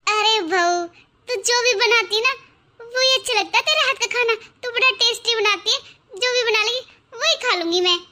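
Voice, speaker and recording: A woman's voice: extremely high pitch, normal speed, bright, forceful tone. A woman voicing an older mother in a cartoon who scolds her grown daughter and frets over family duty. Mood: fond. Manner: scolding then fretting.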